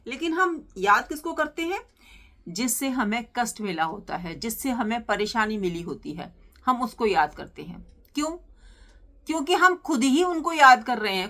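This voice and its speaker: A woman's voice: fairly high pitch, pushed and bright. A middle-aged woman hosting a motivational channel, coaxing her listeners with rhetorical questions and direct address. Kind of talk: motivational talk to camera.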